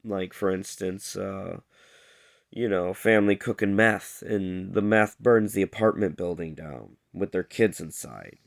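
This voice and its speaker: A man's voice: low voice, unhurried, gravelly. A man casually recapping a TV episode, rambling with plenty of fillers and hesitations. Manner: rambling, lots of fillers, acts out characters' lines. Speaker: TV show reviewer.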